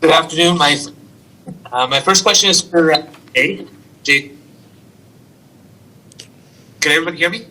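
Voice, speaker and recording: A male reporter asking a question over a video call whose audio keeps breaking up, speaking haltingly with many fillers. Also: fairly high pitch, sharp tone, a little hiss or hum, low-quality recording. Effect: choppy audio from a breaking-up video stream. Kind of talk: press conference question.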